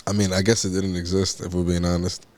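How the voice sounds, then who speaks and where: A man's voice: low voice, little pitch movement, a little mellow, no echo. Teasing young man, slangy podcast banter. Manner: teasing, quick questions, slangy. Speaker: podcast co-host. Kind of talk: casual chat.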